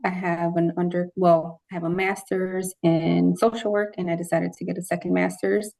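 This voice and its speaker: A woman high school social worker giving a polite, brisk self-introduction. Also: flat delivery, vocal fry, warm tone. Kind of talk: casual self-introduction in a group meeting.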